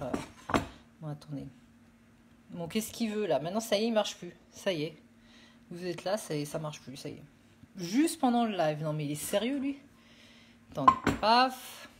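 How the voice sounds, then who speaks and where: A woman's voice: on the low side, animated, a little fast, background noise. Chatty French woman on a kitchen live stream. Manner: chatty, rambling, many fillers, talks to viewers. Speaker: cooking live host. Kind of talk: casual live-stream cooking chat. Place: home kitchen. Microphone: phone.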